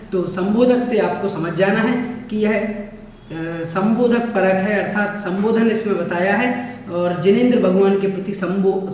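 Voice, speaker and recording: A man with a fairly high voice teaches at an unhurried pace, patiently repeating each word until the pronunciation is right. He sits back from the microphone, and the room around him rings with a long, hollow reverb. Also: a little mellow. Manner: slow, patient explaining, repeats words for pronunciation. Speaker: religious teacher. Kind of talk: online scripture class. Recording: echoey room, voice from far off.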